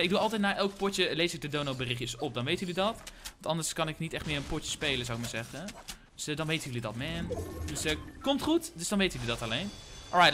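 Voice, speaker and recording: A young man, live-streaming a game, excitable and slangy, shouting when hyped. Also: a little high, slight background noise. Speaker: gaming streamer.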